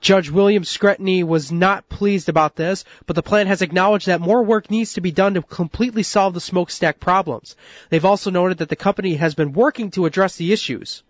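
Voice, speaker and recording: A man's voice: high voice, fairly quick, no room sound. An American man reading scripted news as a radio newsroom reporter. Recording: dull, band-limited radio audio.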